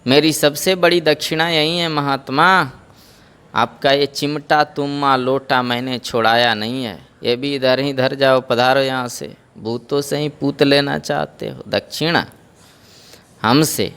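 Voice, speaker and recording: A man's voice: medium pitch, fairly even intonation, a little slow, smooth. A man playing a hot-tempered bandit householder, blustering and defiant. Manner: blustering, shouting.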